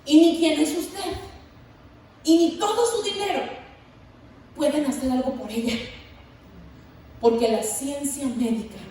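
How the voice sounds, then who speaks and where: A grave male doctor breaks hard news in slow, solemn words, voiced by a Mexican woman preacher. The voice sits high. It echoes heavily from far off in a church hall. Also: mellow, a little hiss or hum. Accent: Mexican Spanish.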